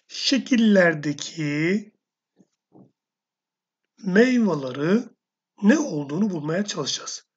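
A woman gives a recorded vocabulary lesson in a low, husky voice. She speaks slowly, saying each word and then repeating it or giving its meaning. The recording sounds dull and lo-fi. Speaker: Arabic teacher.

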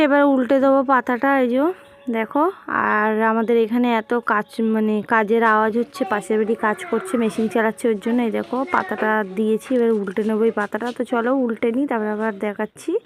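Hoarse, tired woman cooking at home. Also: fairly high pitch. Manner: soft, tired, talking slowly. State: hoarse and unwell. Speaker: cooking vlogger. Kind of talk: casual cooking vlog narration. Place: home kitchen.

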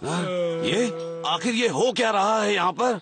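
A man's voice: sits high, animated, moderate pace. A man voicing a big cartoon bear, a fretful older brother who keeps calling out anxiously. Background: loud cartoon music.

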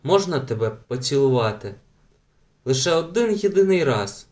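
A man's voice: medium pitch, sing-song, normal speed, a little mellow, lightly acted. A man voicing a pushy ten-year-old boy in an audiobook, bossy and demanding.

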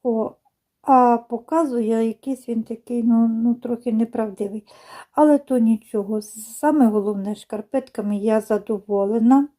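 Mellow-voiced chatty woman vlogger. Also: on the high side, fairly even intonation. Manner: chatty, unhurried, with many fillers and restarts. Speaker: knitting vlogger. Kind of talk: casual chat to viewers. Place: home, indoors by a window.

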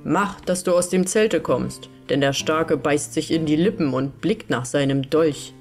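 A woman voicing a rough male robber who urges a captive on with blunt warnings in a storybook reading. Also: low voice, unhurried, faint music behind. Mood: urgent.

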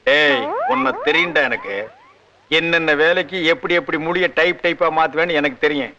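A man's voice: a little high, brisk, a crowd in the background, lightly acted. A man playing a taunting scornful man, lo-fi film clip. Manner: taunting, knowing. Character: scornful man scolding a sly younger man. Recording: dull lo-fi film audio.

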